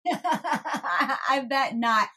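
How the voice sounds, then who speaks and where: A woman in her thirties from the United States hosts a business podcast in a bright, forceful voice that sits a little high. She talks in a chatty, upbeat way and laughs easily with her guest. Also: drawn-out words. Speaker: podcast host. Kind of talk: casual podcast chat.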